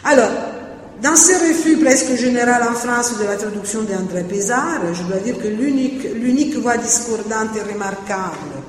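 A woman's voice: a little high, expressive, normal speed. A woman giving an academic lecture on translation and verse drafts, hesitant, with many fillers and restarts. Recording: very echoey hall, faint noise.

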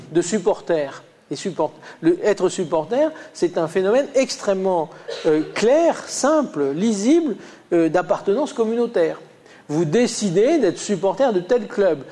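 A man lecturing a class in a somewhat high yet mellow voice, with a light Lyonnais accent. He stops and starts often, filling gaps with hesitant sounds. He talks the listeners through slides. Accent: Lyonnais French, slight. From Lyon, France. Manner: hesitant, many "euh" fillers and restarts.

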